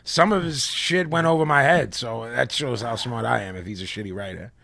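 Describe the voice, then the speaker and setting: A man's voice: medium pitch, brisk, gravelly, sharp tone. A man with a Philadelphia accent hosting a podcast, chatting in a rambling, laid-back way and laughing often. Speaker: podcast host. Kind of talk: casual chat.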